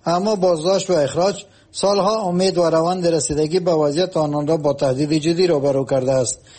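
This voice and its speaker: A man reads scripted radio news. He keeps the delivery formal and even, in a slightly high voice with a husky, breathy edge. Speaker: newsreader.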